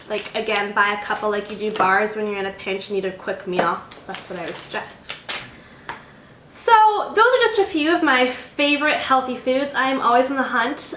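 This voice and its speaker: A woman's voice: a little high, pushed and bright. A young woman chatting casually on her vlog, rambling and correcting herself as she reviews snacks. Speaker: beauty and lifestyle vlogger. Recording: echoey home room with faint noise.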